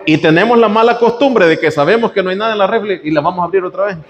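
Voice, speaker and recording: A man preaching a sermon in an animated way, asking the congregation questions as he goes. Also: sits high, racing, in a large hall, dull audio.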